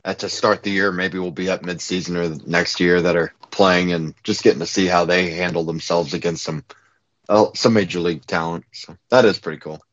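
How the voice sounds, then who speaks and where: A man's voice: deep voice, a little fast. Man with a nasal head cold. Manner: relaxed, conversational, leads the talk. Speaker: podcast co-host. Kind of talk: casual podcast chat. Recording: dull lo-fi audio.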